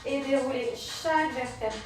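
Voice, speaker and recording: A woman's voice: high voice, unhurried. A woman instructor leading a live Pilates and yoga class, cueing breaths and movements step by step. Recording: very echoey room, mic far off, music behind.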